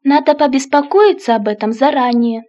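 A woman reading Russian phrasebook lines one at a time, in a clear, measured way. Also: sits high, animated, dark tone, lo-fi sound.

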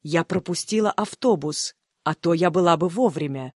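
Woman calmly repeating course phrases. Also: fairly low pitch, normal speed, no room sound, clean studio sound. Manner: calm, careful enunciation. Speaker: language course speaker. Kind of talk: scripted phrase reading.

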